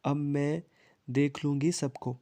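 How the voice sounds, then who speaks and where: A man's voice: on the high side, steady tone, mellow, natural voice. A man voicing a playful, stubborn young woman who teases her cousin, in a storybook reading. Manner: teasing, stubborn.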